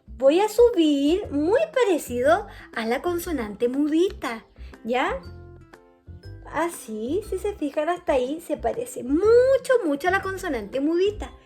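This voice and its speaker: A woman teaching young children to read, patient and drawn-out, often checking that they follow. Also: sits high, big pitch swings, a little mellow, soft background music. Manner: slow, patient, drawn-out words with checking questions. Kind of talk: children's reading lesson.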